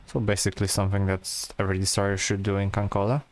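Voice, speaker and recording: A man giving relaxed, rambling gameplay commentary, full of fillers and restarts. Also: lowish voice, fast talker. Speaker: gameplay streamer.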